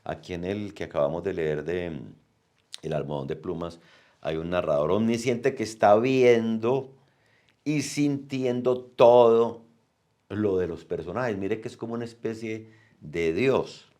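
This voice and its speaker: Low-voiced man teaching. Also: unhurried, mellow. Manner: explanatory, frequent "¿cierto?" checks. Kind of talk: explaining reading exam questions.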